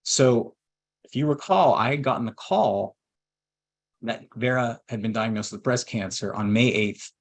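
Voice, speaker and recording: A man in his forties, an estate planning attorney, telling a heartfelt personal story in a webinar with earnest pauses and restarts. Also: medium pitch. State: emotional at times.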